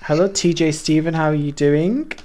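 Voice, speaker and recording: A man with a Mancunian accent, streaming a game and chatting to his viewers, excitable and dramatic, jumping from squeals to mutters. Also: fairly high pitch, normal speed. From Manchester, England. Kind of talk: casual game streaming chat.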